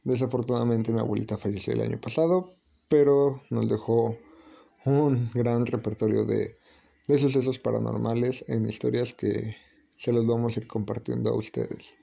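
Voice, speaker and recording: A man tells a spooky family tale as host of his own show. His voice is heavily gravelly and very dark in color. He talks casually, with pauses and restarts. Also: medium pitch. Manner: relaxed, hesitant storytelling with restarts. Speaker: podcast host. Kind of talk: casual storytelling.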